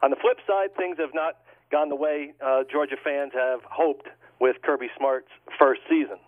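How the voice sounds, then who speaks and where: A man with a slightly high voice comes through a thin, phone-like line. He gives a measured, prepared-sounding football pick breakdown as a radio guest. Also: fairly even intonation. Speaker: guest sports handicapper.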